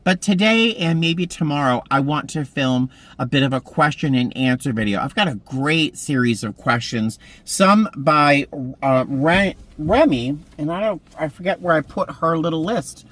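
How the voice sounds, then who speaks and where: Animated and a bit bright, a slightly high male voice at a moderate pace belongs to a mid-fifties vlogger. He sits in a parked car talking casually to camera, spinning rambling stories.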